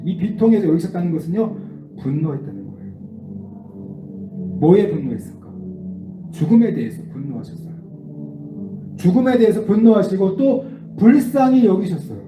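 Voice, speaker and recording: Leading children through a Bible passage, a man delivers an animated sermon and keeps asking the kids questions. His voice sits high at a normal speed, with music in the background, an echoey room, a distant mic and faint noise.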